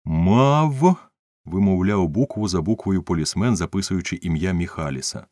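A man narrating a novel as an audiobook reader, in an expressive storytelling manner. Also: sits low, fairly quick, no room sound, clean studio sound.

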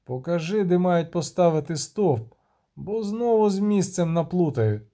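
A man's voice: high voice, animated, a little slow, dark tone. A man voicing a stern, authoritative male military commander who proclaims orders. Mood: commanding.

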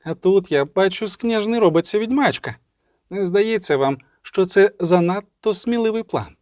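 A man reading the part of a sharp-tongued young sorceress in an audiobook, with ironic, sarcastic delivery. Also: high voice, animated, moderate pace, no echo, clean studio sound, voice pushed up.

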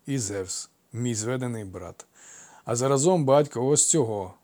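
A man reading aloud and voicing a wise old centaur teacher who talks in a calm, mock-stern, patient way. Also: medium pitch, a little slow, lightly acted.

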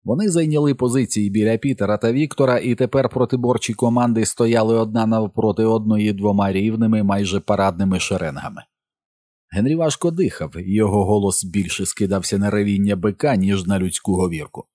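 A man narrating an audiobook in a measured, steady storytelling manner. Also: on the low side, dry recording, studio quality. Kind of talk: scripted narration.

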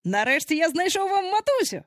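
A woman's voice: fairly high pitch, big pitch swings, moderate pace, no echo, clean studio sound. A woman voicing an eager, bossy young boy who leads a gang of lost boys, in an audiobook. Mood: excited. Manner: bright, commanding boyish exclamations. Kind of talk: audiobook character voice.

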